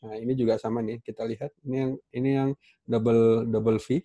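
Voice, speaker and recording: A man with an Indonesian accent teaching a welding class online, speaking casually and haltingly with many fillers and restarts. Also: medium pitch, little pitch movement, mellow. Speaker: welding instructor. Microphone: computer mic on a video call.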